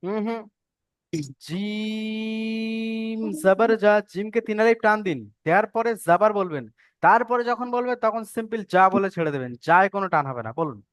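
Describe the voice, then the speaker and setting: High, clear-voiced man teaching reading. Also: animated, fast, fairly bright tone, no room sound, studio quality. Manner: patient, repeats points and drills pronunciation. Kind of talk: online Arabic letter-reading lesson.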